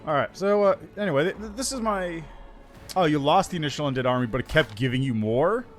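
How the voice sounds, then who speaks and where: Male streamer, headset mic, chatty and animated, pitch a bit high, faint game music behind. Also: fast. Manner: chatty, greets viewers and reads chat aloud. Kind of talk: casual livestream chat while gaming. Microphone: headset mic on a livestream.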